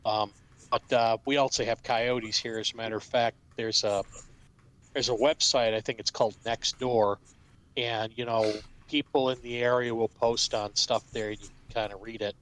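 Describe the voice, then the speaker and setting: A man's voice: mid-range voice, fairly even intonation, normal speed, a bit bright. A man talking casually as an author, rambling with fillers and restarts. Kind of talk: casual chat.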